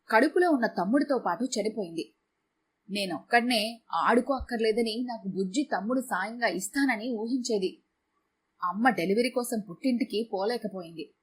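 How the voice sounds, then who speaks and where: A woman's voice: medium pitch, slight background noise, close to an everyday voice. A woman voicing a young married man who confesses how his mother's death still haunts him, in an earnest first-person storybook telling.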